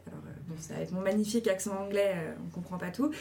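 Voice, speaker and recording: A woman's voice: mid-range voice, fast, gravelly, warm tone. French woman chatting advice to camera, encouraging, lots of euhs, faint noise. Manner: encouraging, chatty, many fillers. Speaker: host giving writing advice. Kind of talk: casual advice talk to viewers.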